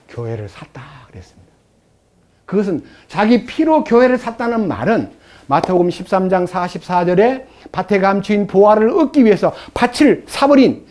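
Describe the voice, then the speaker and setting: A male pastor preaching a sermon in an animated way, acting out the voices he quotes. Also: high voice.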